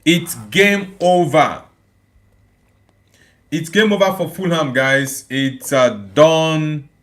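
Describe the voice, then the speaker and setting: With a voice on the high side, a young Nigerian streamer takes his time while hosting a live football watchalong. He reacts to play, reads his viewers' comments aloud, and chats with them loosely, repeating phrases.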